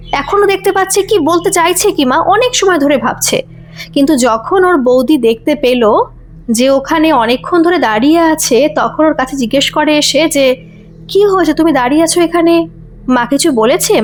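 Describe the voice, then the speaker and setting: A woman's voice: high voice, a little hiss or hum. A woman narrating a ghost story in a conversational, repetitive retelling style.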